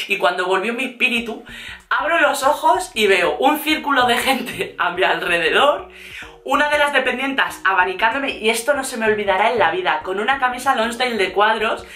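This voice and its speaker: A woman with a Spain Spanish accent telling a storytime vlog in a lively way, laughing and acting out what others said. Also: on the high side, reverberant. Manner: lively, laughing, acts out quotes. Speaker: vlogger. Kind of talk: storytime monologue.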